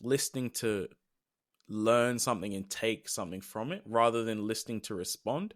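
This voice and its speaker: With a lowish, expressive voice and a moderate pace, a young British co-host chats casually on a podcast. He reflects earnestly, drawing his phrases out until they trail away.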